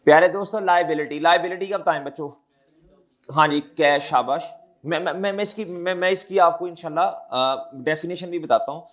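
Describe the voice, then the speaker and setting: A man's voice: a little high, brisk, fairly bright tone. A man with a sore throat, giving a classroom accounting lecture and repeating his questions back to the students.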